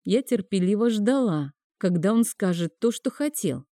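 A woman reading a first-person romance novel aloud, expressive and steady. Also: medium pitch, moderate pace, no room sound, clean studio sound. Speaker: audiobook narrator.

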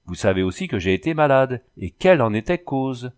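A man's voice: mid-range voice, very animated, fairly quick, clean tone, natural voice. A man voicing an earnest young husband who keeps pressing his wife with questions.

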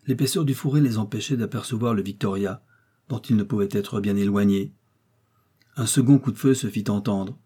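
A man reading a classic adventure novel aloud as audiobook narrator, in an even, steady storytelling way. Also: lowish voice, moderate pace, husky. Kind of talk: scripted narration.

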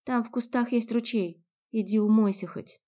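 A woman's voice: fairly high pitch, steady tone, moderate pace, voice pushed up, natural voice. A woman narrator voicing a firm, fiery young woman who pleads, threatens and commands in a raised voice. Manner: commanding, rising to shouts. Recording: dull lo-fi recording.

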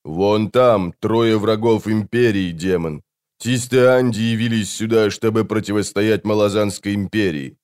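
A man playing a wary male mage who gives short, curt replies in a fairly low voice, for an audiobook. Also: fairly even intonation, unhurried, a little mellow, clean tone, natural voice. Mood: tense.

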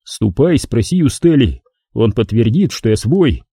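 A man reading an audiobook gives the first-person hero a gruff, exasperated voice close to his own. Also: mid-range voice, big pitch swings, measured pace, warm tone, dry recording, full character voice. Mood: grumbling. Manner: grumbling, exasperated.

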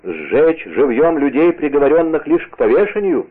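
A man gives voice to a hot-tempered musketeer captain who shouts his orders in a commanding bark. The sound is thin and tinny, like a lo-fi radio broadcast. He pitches up whenever he roars at the crowd. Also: big pitch swings, moderate pace, slightly rough. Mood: outraged.

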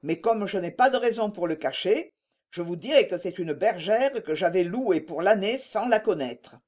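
A woman's voice: mid-range voice, expressive, normal speed, a little mellow, natural voice. A woman voicing a sly, shameless rural farmer who feigns indifference, in a read-aloud story.

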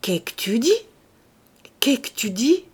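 A woman's voice: medium pitch, animated, normal speed, slightly rough. A woman reading aloud, voicing a bluff middle-aged male farmer with rustic, repetitive speech. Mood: stunned.

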